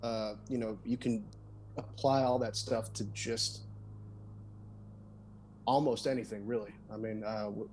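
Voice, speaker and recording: A man's voice: fairly low pitch, steady tone, a little slow, pauses often, a little mellow, slight background noise. A man guesting on a podcast, talking in a loose, rambling way with lots of fillers, restarts and "dude". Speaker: guest guitarist and songwriter. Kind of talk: casual podcast conversation.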